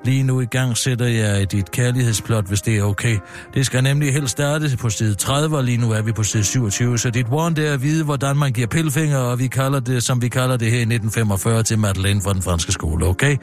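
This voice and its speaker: A man's voice: medium pitch, faint music behind, pitched below the performer's own voice, lightly acted. A man voicing a know-it-all seven-year-old boy who explains things in a bossy way.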